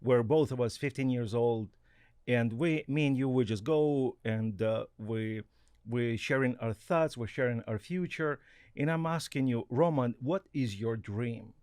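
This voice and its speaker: A podcast host leads a casual interview in a mid-pitched, darkish, smooth voice. He speaks haltingly, pausing and restarting as he searches for words in a language that isn't his first, and the recording is dry.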